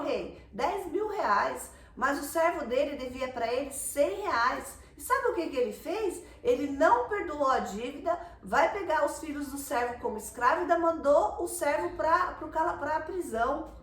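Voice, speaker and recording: A woman with a Brazilian Portuguese accent giving devotional teaching, telling a story in a lively way. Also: high-pitched, moderate pace, hardly any pauses. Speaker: preacher. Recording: roomy, distant from the mic.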